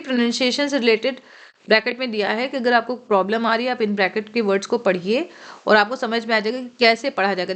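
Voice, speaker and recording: A woman teaching English vocabulary for competitive exams, who explains slowly, spells words out letter by letter and keeps checking with "ठीक है?". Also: on the high side, fairly bright tone. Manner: mixes Hindi with slow, careful English phrases. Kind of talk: exam-prep vocabulary lesson.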